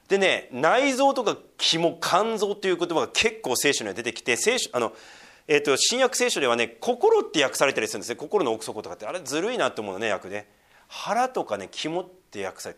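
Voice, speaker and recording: A man preaching a sermon as pastor, talking conversationally with questions to his listeners and swinging from emphatic lines to hushed, near-whispered asides. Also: on the high side.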